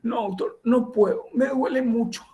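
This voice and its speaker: A man's voice: very high-pitched, moderate pace, darkish tone, voice pushed up. A man putting on the voice of a distressed, tearful woman patient who pleads and repeats her complaint of pain. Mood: pained pleading.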